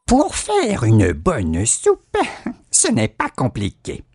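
A woman recites a playful children's poem in a very low voice that swoops wildly up and down. She draws every word out slowly. Music plays clearly underneath. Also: wildly swooping pitch, darkish tone, no room sound. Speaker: reader. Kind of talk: dramatic poem reading.

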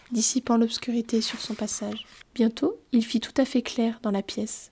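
Mellow, even-toned woman narrating a tale. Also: on the high side. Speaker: storyteller. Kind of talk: scripted storybook narration.

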